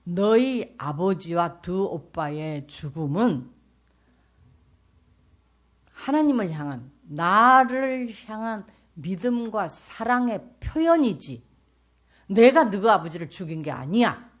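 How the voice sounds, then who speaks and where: God, gentle and reassuring, put on by an older woman in a testimony, low and husky. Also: slow, full character voice. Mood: tender. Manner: calm, tender, reassuring. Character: gentle, loving voice of God, ageless.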